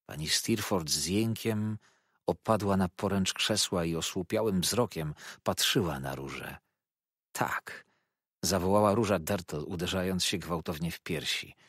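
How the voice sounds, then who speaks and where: Deep, husky male audiobook narrator. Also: fairly bright tone, no echo, clean studio sound. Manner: grave, measured storytelling. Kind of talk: scripted literary narration.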